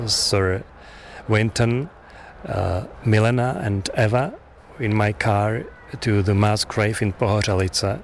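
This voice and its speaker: A man from the Czech Republic speaks in a fairly low voice, earnest and a little hesitant as he answers. There is faint noise in the background. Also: vocal fry. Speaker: festival organizer. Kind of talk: interview.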